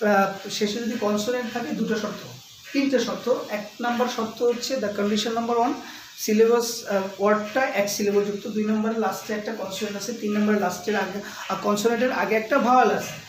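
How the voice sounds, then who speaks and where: A man with a Bengali accent teaching English grammar to a class, explaining slowly and repeating words and English terms aloud. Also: sits high, fairly even intonation, distant mic. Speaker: English tutor. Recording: echoey room, voice from afar, faint noise.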